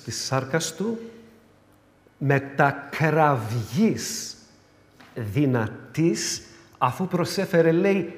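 An older man preaching a sermon with emphasis, swinging between loud urging and quiet, intimate asides. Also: on the high side, roomy sound, big-room sound.

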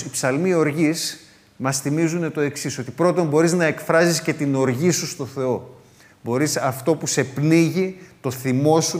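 A man preaching a sermon in an earnest manner, acting out the prayers he quotes. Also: mid-range voice. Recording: long hall reverb.

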